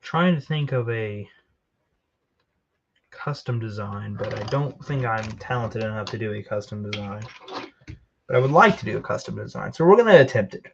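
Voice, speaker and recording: A man's voice: fairly low pitch, lively intonation, moderate pace, gravelly, long pauses, highs cut off, a little hiss or hum. A man casually commenting while he builds with Lego, rambling and joking at himself as he works. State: tired.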